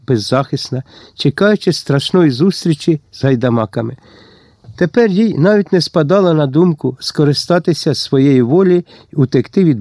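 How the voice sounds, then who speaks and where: A man narrating a story as an audiobook reader, steady and tense. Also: a little high, no echo, clean studio sound. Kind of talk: scripted narration.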